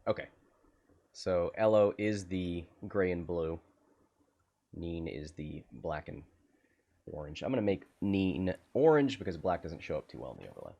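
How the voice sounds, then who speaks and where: A man doing casual game commentary on a livestream, laughing often and getting excited. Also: low voice, moderate pace, creaky, lo-fi sound.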